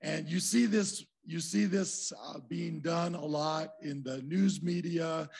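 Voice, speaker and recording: A man delivers a sermon with a hoarse, worn-out voice. The tone is rough and breathy and sits slightly high. He explains things in an easy, conversational way and often stops for asides. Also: fairly even intonation, slow pace, a little mellow. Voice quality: gravelly, husky. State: hoarse, nearly lost voice. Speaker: pastor.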